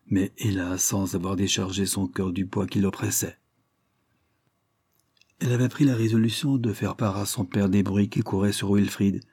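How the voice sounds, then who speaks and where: A man reading a novel aloud as a measured audiobook narrator. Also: lowish voice, mellow, husky, no echo, clean studio sound. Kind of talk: scripted narration.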